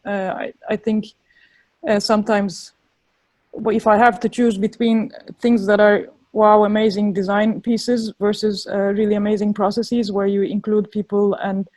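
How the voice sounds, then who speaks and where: Female interviewee, Turkish accent, soft-edged relaxed tone, thoughtful and halting, very dry close sound. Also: mid-range voice, no room sound. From Turkey. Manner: thoughtful, halting, searching for words. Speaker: interviewed urban designer. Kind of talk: spoken interview answers.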